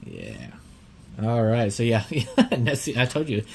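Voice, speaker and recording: Excitable male podcast host with slight lisp. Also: mid-range voice, unhurried, vocal fry, slight background noise. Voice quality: slight lisp from dental aligner. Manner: rambling, filler-heavy, excitable. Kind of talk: casual podcast chat.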